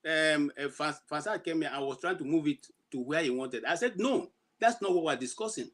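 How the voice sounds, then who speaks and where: A middle-aged Nigerian man with an Igbo English accent argues insistently during a heated panel discussion, slipping into pidgin. His voice is fairly high and fairly bright, and he speaks fairly quickly.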